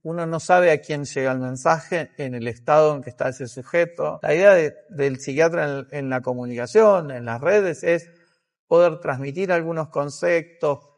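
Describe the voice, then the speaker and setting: A psychiatrist being interviewed, this man has an Argentine accent and a fairly high pitch. His answers are explanatory and measured, and he seems to think aloud as he goes.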